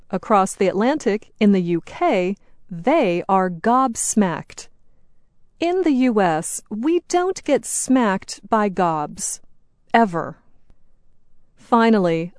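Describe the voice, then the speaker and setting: A middle-aged American woman hosting a language-teaching program, reading a script slowly and clearly. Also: medium pitch, darkish tone, no room sound, studio quality. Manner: slow, clear and deliberate. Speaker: program host. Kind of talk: scripted educational narration.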